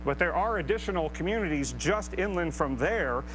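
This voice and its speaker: A man's voice: expressive, normal speed, fairly bright tone, soft background music, rough recording. A man, a meteorologist, giving a detailed and precise live technical weather briefing. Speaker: hurricane expert meteorologist. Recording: clear hum and rumble of noise.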